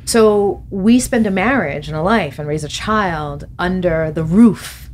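A lowish, measured voice belongs to a middle-aged author sitting in as a podcast guest, musing reflectively during a studio interview. She laughs a lot, gestures animatedly, and comes across as thoughtful, captured by a studio mic on a boom arm with a bit of hiss or hum.

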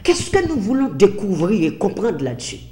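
A woman's voice: mid-range voice, very animated, moderate pace, dark tone. A woman giving a Bible teaching sermon, guiding the congregation through verses and asking them many rhetorical questions. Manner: guides listeners through verses to underline.

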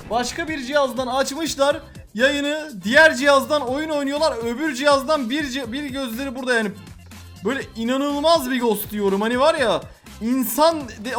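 A man giving gameplay commentary on a mobile shooter, excitable and prone to frustrated yelling. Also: very high voice. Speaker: gaming YouTuber.

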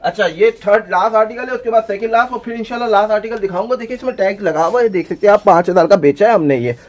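A man, a clothing shop owner giving an energetic, hard-selling pitch in his small shop. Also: very fast. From Pakistan. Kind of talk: sales pitch vlog.

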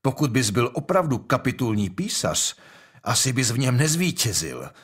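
A man's voice: medium pitch, big pitch swings, slightly rough. A man voicing a young, imperious and impatient king in an audiobook, speaking in a commanding, brusque way.

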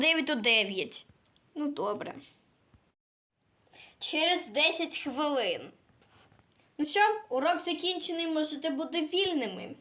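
A man's voice: very high voice, pushed and bright, full character voice. Bossy schoolteacher, a boy putting her on. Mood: dismissive. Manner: bossy, quizzing pupils and grading. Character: strict female schoolteacher running a class.

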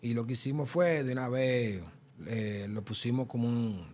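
A man's voice: mid-range voice, moderate pace, a little hiss or hum. A middle-aged man with a Dominican accent, a guest recounting stories in casual chat and acting out what others said. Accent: Dominican Spanish. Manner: animated storyteller acting out quotes. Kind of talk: casual interview storytelling.

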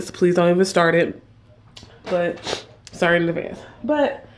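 Holding her phone at arm's length in a small indoor room at home, a young woman chats and rambles through a casual haul vlog despite a sore throat and cough. Her mid-range voice is a little mellow, with slight background noise.

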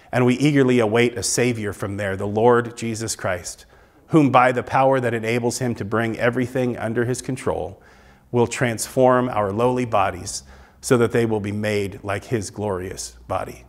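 Casting: man, 30s, pastor, earnest recorded sermon, middle-pitched voice, lapel mic. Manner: earnest, gestures with both hands. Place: small church stage with drum kit and Christmas decor, indoors.

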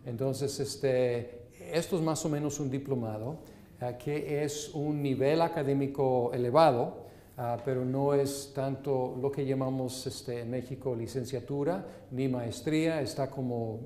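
A man teaching a seminary class, speaking in a measured way with many fillers. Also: medium pitch, steady tone, mellow, roomy sound. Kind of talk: leading a class and prayer.

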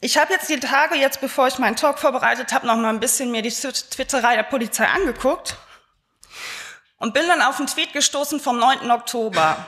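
Chatty woman with a fairly high voice. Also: brisk, a bit bright. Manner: chatty with frequent filler sounds. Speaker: conference speaker. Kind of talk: live talk, conversational.

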